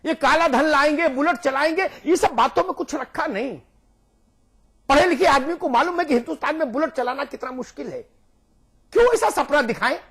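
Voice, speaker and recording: A man's voice: extremely high pitch, animated, fairly quick, fairly bright tone. A man speaking as a guest on a TV news debate, emphatic and rhetorical, repeating his points for force. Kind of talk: heated TV debate argument.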